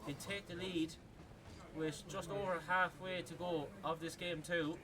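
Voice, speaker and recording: A man with an Irish accent doing live esports commentary, talking fast with lots of "like" fillers and rising to shouts on big plays. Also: fairly high pitch. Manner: excitable, rises to yelling on big plays, many "like" fillers. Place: gaming arena venue. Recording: loud crowd behind at a live event.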